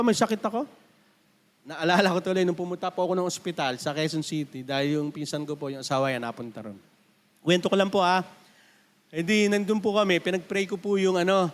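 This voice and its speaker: High-voiced Filipino pastor preaching in a reverberant church. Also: male voice. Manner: preaching in Tagalog mixed with English, calling for amens. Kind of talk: sermon.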